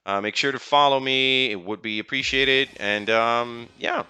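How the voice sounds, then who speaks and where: In an unhurried, clear, resonant mid-range voice with a sharp tone, a man from the Netherlands whose first language is Dutch offers casual game advice in English on a live stream. He rambles with many fillers and restarts while faint music sounds in the background.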